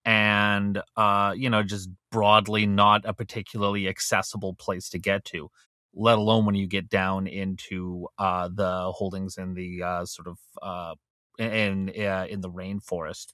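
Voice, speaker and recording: A man's voice: low voice, level tone, measured pace, sharp tone, dry recording, clean studio sound. A man co-hosting a podcast in casual chat, joking and rambling with lots of "uh" and restarts. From Canada. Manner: chatty and joking, many fillers and restarts. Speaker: podcast co-host.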